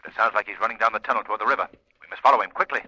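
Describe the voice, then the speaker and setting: The Shadow, piercing low-voiced avenger. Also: male voice, pushed and bright, husky, exaggerated voice, poor audio. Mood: urgent. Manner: deliberate, authoritative, theatrical. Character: commanding, mysterious invisible crime-fighting avenger. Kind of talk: 1930s radio crime drama acting.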